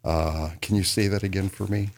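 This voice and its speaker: A man's voice: low-pitched, steady tone, normal speed, creaky, a little mellow. An American man hosting a radio show in a casual, effusive, folksy way.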